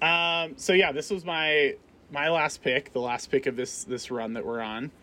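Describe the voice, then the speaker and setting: A man's voice: a little high, fairly even intonation, a little slow, pushed and bright. A man in his thirties hosting a film podcast in casual chat, laughing often and restarting his phrases. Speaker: podcast host.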